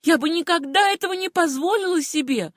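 A woman's voice: brisk, no echo, clean studio sound. A woman voicing a wronged young woman in an audiobook, pleading and defiant. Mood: desperate defiant. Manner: pleading, high-strung, defiant. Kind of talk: audiobook character reading.

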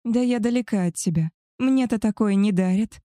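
A woman's voice: mid-range voice, normal speed, mellow, dry recording, clean studio sound, close to an everyday voice. A woman voicing an arrogant, spoiled young she-wolf woman who talks down to others in a haughty, contemptuous way. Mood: sneering. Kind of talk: audiobook character voice.

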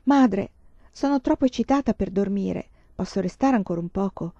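A woman reading aloud voices a playful, dreamy young woman who is slightly tipsy, with light, breathy and eager speech. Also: medium pitch, lively intonation, moderate pace, warm tone, no room sound. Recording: dull lo-fi, dry.

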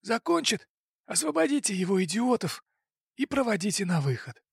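A man voicing a fat, older male crime boss who bullies and shouts. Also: sits high, big pitch swings, moderate pace, vocal fry, breathy edge, dry recording, studio quality, voice pushed up, exaggerated voice. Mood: scornful. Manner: mocking, barking.

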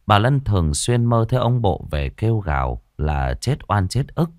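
Deep-voiced male ghost story narrator. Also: moderate pace, no echo, studio quality. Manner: dramatic, expressive storytelling. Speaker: audiobook narrator.

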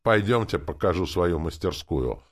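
A man voicing a boisterous, hard-drinking old village carpenter who talks in a loud, bossy, folksy way. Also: deep voice, animated, moderate pace.

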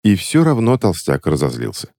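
A man narrating a fantasy novel as an audiobook reader, with expressive storytelling. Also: deep voice, moderate pace, no echo, studio quality.

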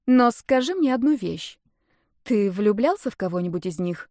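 A woman reading a story, voicing a jealous, stubborn young woman in love with a raised, louder voice. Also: mid-range voice, lively intonation, normal speed, no room sound, studio quality, close to an everyday voice. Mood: teasing. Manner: teasing and stubborn.

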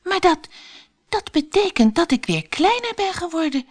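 Woman doing a high weepy little girl voice, bewildered, lots of up and down, storybook, music under. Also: sing-song, normal speed. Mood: distressed. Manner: high girlish voice, whimpering and exclaiming. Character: young girl Alice, tearful and bewildered.

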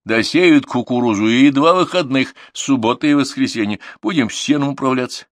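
A man voicing a brisk, practical middle-aged farm woman who complains about her chores. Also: mid-range voice, dry recording, voice pushed up, lightly acted.

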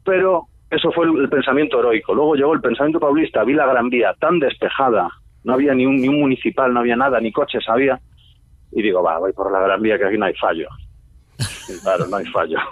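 A man's voice: medium pitch, fast, dry recording. A man with a Spanish accent from Spain telling a casual, slangy anecdote on a radio show, acting out his own past remarks. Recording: tinny phone-like sound, dry.

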